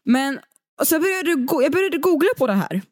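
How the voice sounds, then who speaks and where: A young woman with a fairly high voice chats on a podcast. She rambles, restarts her sentences and laughs easily. The sound is dry and close, with no room in it. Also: big pitch swings, dry recording. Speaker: podcast co-host. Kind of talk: casual podcast chat.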